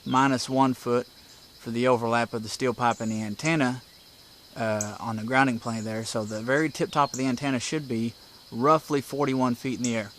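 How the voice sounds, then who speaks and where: Outdoors by a house porch, with insects and birds clearly audible, a man delivers a casual, folksy walkthrough step by step. The hobbyist presenter's mid-range voice is a bit bright, with fairly even intonation and a moderate pace.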